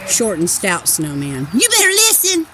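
Her medium-pitched voice swoops wildly up and down at a normal speed as she chats and laughs lovingly behind a handheld phone camera. She's filming her husband in a snowy yard for a home video, with heavy noise in the background.

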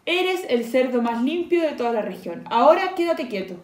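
A woman voicing a hungry, sly fox in a read-aloud storybook, slow and gloating. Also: high voice, very animated. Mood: gruff. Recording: echoey room.

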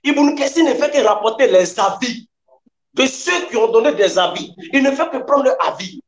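A man with a high voice argues over a video call, lecturing and insistent. He presses his points again and again. His sound carries a noticeable room echo. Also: expressive, normal speed. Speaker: debater. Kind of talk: heated online debate.

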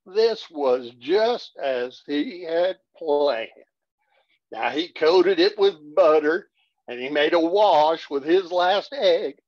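Slow cowboy drawl, older storytelling man. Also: a little high, expressive, darkish tone. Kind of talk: reciting humorous cowboy poetry to an online audience. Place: small curtained room at home, indoors. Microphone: video call, computer at arm's length. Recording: dull, echoey webcam audio.

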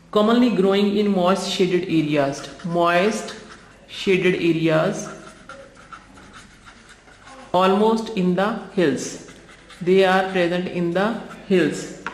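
A woman's voice: medium pitch, darkish tone. A woman with a North Indian accent teaching a school biology lesson, repeating phrases as if for dictation and mixing in some Hindi. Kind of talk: school lesson explained while writing notes. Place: indoors in a hard-surfaced room. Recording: echoey hard room with background noise.

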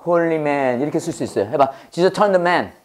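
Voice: medium pitch, lively intonation, a little mellow. Teacher running call-and-response drills. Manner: playful, punning and chuckling, switching between Korean and English; asks the class quick questions and repeats key words.

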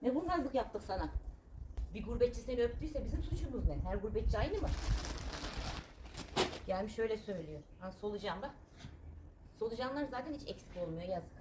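A Turkish woman in her thirties talking casually while she works in her home garden, sharp-tongued and indignant, then chatty. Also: on the high side, lively intonation, a little fast, long pauses, noisy background. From Turkey. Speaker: vlogger.

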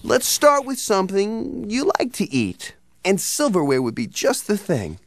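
A woman's voice: medium pitch, wildly swooping pitch, unhurried. A woman voicing a fussy young boy in a cartoon who lectures and scolds about table manners. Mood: instructive. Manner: scolding, instructive. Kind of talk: cartoon voice acting.

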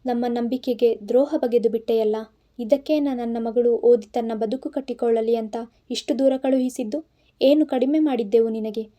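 A woman's voice: fairly high pitch, steady tone, normal speed, mellow, natural voice. Woman doing a furious scolding father. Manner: scolding, raised voice. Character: stern angry village father, middle-aged man.

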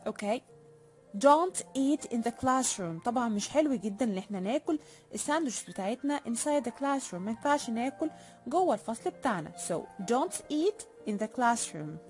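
Young egyptian woman teaching kids english, drawn out english phrases, quick arabic bits, bouncy voice. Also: fairly high pitch, a little mellow. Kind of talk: children's English lesson.

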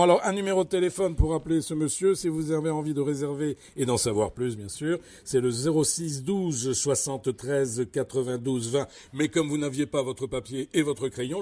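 A man's voice: on the high side, a little fast, few pauses, dark tone. A man hosting a chatty radio interview, effusive and joking, heaping praise on his guest. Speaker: radio host.

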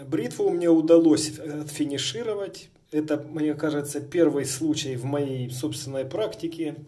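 A middle-aged man shows off a honed razor in a hands-on demonstration at an indoor workbench, speaking as a razor sharpener. He has a dark, medium-pitched voice and a wordy, formal manner full of qualifications and side remarks.

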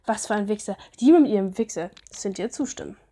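A woman's voice: mid-range voice, expressive, fairly quick, mellow. A woman hosting a let's play, chatting casually and reading game text aloud with offhand asides.

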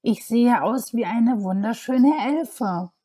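An excited little girl from a storybook, as a woman narrator puts her on. The voice jumps up high and loud with wonder, with a husky grain. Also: slow pace. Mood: eager.

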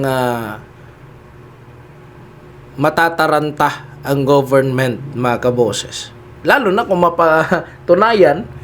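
A man's voice: on the high side, slight background noise. A man hosting political commentary, talking to his listeners directly and tagging his sentences with "no?" and "di ba?". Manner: keeps addressing listeners, heavy "no?" and "di ba?" tags.

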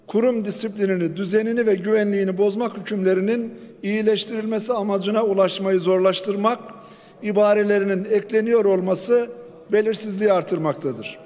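Male lawmaker at a rostrum microphone, higher voice, formal, reverberant hall. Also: darkish tone. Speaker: member of parliament giving a speech. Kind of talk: formal parliamentary floor speech. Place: large parliament chamber. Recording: long reverb of a large chamber.

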